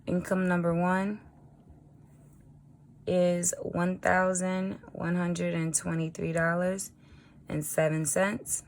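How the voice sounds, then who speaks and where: A woman with a raspy early-morning voice, chatting informally as a vlogger while she writes out a budget. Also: fairly low pitch, slight background noise. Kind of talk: casual budgeting vlog narration.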